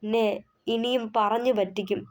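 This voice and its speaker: A timid young wife, hesitant and sulky, voiced by the woman narrator in a warm, mellow tone for an audio novel. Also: a little high, fairly even intonation, normal speed, close to an everyday voice. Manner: hesitant, sulky, soft-spoken.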